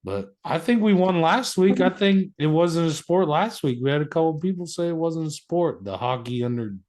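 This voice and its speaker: Animated, joking young man co-host. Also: a little high, moderate pace. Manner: playful, jokey, animated. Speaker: podcast co-host. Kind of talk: casual chat among brothers.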